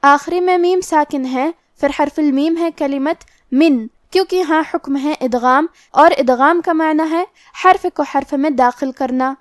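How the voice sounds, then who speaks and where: Brief: female tajweed teacher, high voice, methodical, dry close mic. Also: no room sound. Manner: slow, methodical explanation of each letter rule. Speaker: Quran recitation teacher. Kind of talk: tajweed lesson explaining rules.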